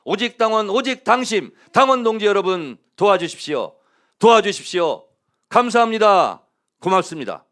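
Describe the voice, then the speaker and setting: Middle-aged male candidate, campaign speech, high, ringing voice, punchy repeated slogans. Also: animated, normal speed, fairly bright tone. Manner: emphatic, slogan-like repetition. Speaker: candidate for party leader.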